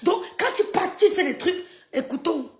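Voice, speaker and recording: A woman's voice: very high-pitched, expressive, normal speed, echoey room. A woman hosting a social media live stream, talking in an emphatic, repetitive, scolding way. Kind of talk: heated live-stream rant.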